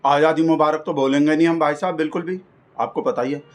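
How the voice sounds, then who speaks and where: A man's voice: on the high side, fairly even intonation, fast talker. A man delivering a rambling, folksy satirical comedy monologue. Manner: folksy, rambling, keeps addressing the listener as brother. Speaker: comic persona host.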